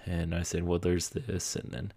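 Gravelly low-voiced man, rambling podcast. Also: completely flat delivery, normal speed, warm tone. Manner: rambling, self-deprecating, many fillers. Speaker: podcast host. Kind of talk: casual solo podcast monologue. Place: home basement room.

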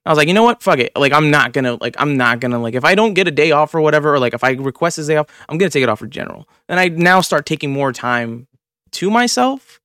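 A man's voice: a little high, lively intonation, quick pace, bright, forceful tone, no echo, studio quality. A man in his twenties hosting a podcast, talking in a rambling, profane, filler-heavy way. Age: 20s. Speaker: podcast host. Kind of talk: casual chat.

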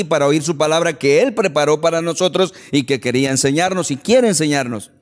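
A man preaching a sermon and putting emphatic rhetorical questions to the congregation in a church hall. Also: fairly high pitch. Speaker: pastor. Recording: long hall reverb.

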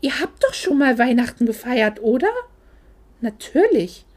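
A woman's voice: fairly high pitch, very animated, unhurried, a little mellow. A woman voicing a cold, dismissive middle-aged mother who talks down to her grown daughter in a curt, condescending way. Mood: cool, reproachful.

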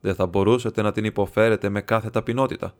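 A man voicing a meek, earnest older monk who speaks gravely and pointedly. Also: lowish voice, steady tone, darkish tone, natural voice. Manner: grave and piercing.

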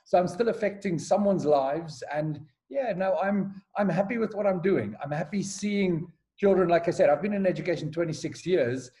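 A South African school headmaster in his forties tells his story in a casual podcast interview, heard over a call recording. His mellow, slightly high voice moves at normal speed with hardly any pauses, but he hesitates, stumbles, restarts and repeats words as he gathers his thoughts.

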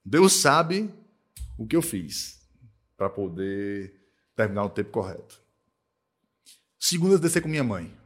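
A man from Northeast Brazil who runs an accounting firm, talking in a casual podcast conversation, emphatic and repetitive, tagging his points with quick checks for agreement. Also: fairly low pitch, big pitch swings, a bit bright, husky. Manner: emphatic, repeats himself, tag questions "tá?" and "né?".

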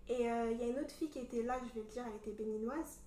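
A young woman from Cameroon telling a story in casual chat, animated and full of fillers. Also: fairly high pitch, very fast, slight background noise. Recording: echoey room from a distance.

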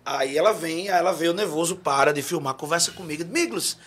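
This fast-talking man has a slightly high, fairly bright voice and the Northeastern Brazilian accent of João Pessoa, Paraíba. Appearing as a podcast guest, he tells a lively story, voices other people's lines and now and then breaks into song.

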